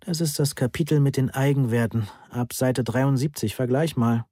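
A man's voice: mid-range voice, normal speed, dry recording, studio quality, close to an everyday voice. A man voicing a blunt, irritated young female math student who talks curtly and sharply in a German audiobook. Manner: curt and sharp-tongued.

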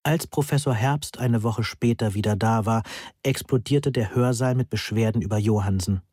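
A male audiobook narrator with a mellow, husky voice, reading in a measured, wry first-person tone. The recording is dry and intimate, close on the mic with no room sound. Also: lowish voice, no room sound.

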